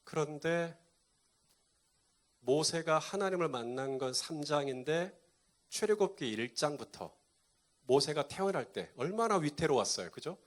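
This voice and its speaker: A pastor preaching a sermon to a live congregation, quizzing them and repeating key points. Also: male voice, a little high, lively intonation, measured pace, pauses often.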